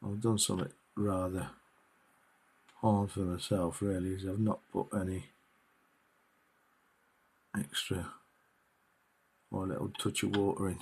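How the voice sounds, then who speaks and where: A man's voice: low-pitched, little pitch movement, unhurried, gravelly, pauses often, a little mellow, husky. A man giving a casual miniature painting tutorial, talking hesitantly with many fillers.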